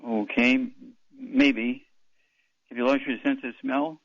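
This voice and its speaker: A man's voice: mid-range voice, steady tone, slow pace, no room sound, dull audio. Blunt male radio call-in host. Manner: blunt, dismissive, interrupting. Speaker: radio talk show host.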